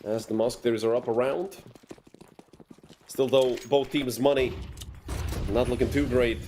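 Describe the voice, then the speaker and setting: Energetic male esports caster. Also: medium pitch, a little hiss or hum. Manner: energetic, quick reactions with dry asides. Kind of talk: solo play-by-play commentary.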